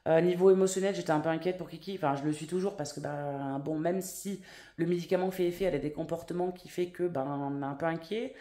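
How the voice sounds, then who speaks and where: A woman's voice: deep voice, steady tone, fast, mellow. A woman vlogging at home in casual chat, rambling with many fillers and restarts. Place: at home, indoors. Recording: echoey room.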